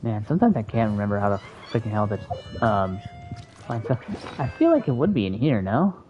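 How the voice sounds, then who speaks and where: With a fairly low, dark-toned voice, this man streams a game, muttering his thoughts aloud at a brisk, sing-song clip. Game music sits behind his voice on a dull lo-fi microphone.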